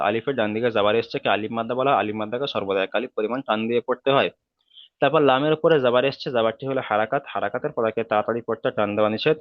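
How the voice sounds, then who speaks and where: A man's voice: mid-range voice, no echo, muffled recording. A man from Bengal teaching Quran reading in an online lesson, patiently spelling out letters and often checking that students follow. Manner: often checks understanding with a quick question.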